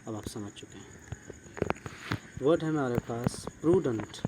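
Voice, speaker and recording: A man's voice: medium pitch, a little slow. A man teaching an online grammar lesson, who asks his class questions, praises their answers and spells words out letter by letter. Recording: steady insect and cricket noise behind.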